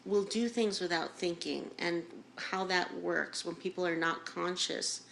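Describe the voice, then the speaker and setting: A woman's voice: lowish voice, creaky, fairly bright tone, slight background noise. A woman co-hosting a podcast in casual chat, joking and slangy. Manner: jokey, slangy, drawn-out delivery. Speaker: podcast co-host.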